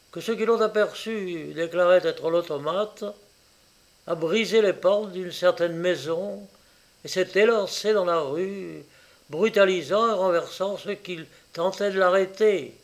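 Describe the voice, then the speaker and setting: A man's voice: high voice, vocal fry, full character voice. A man voicing a polite, earnest police inspector.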